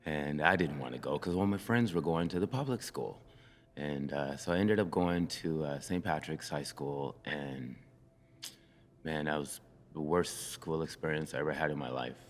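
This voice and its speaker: Older man in his sixties, extremely low voice, slow reflective storytelling, reverberant room. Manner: slow, reflective, many pauses and fillers. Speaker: church member sharing his story. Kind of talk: personal storytelling in a conversation.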